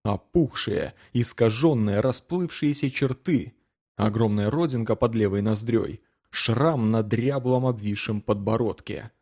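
Man steadily narrating a dark novel. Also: fairly low pitch. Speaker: audiobook narrator. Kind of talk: scripted literary narration.

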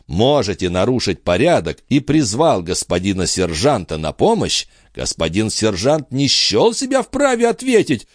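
A man reading aloud, voicing a calm, ironic orator who lectures a crowd in a measured, gently mocking way. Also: lowish voice, no echo, studio quality.

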